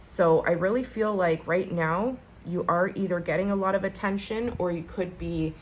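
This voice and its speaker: A woman's voice: lowish voice, moderate pace, poor audio. A woman giving a casual collective tarot reading, chatting conversationally and speaking straight to her viewers. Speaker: tarot reader.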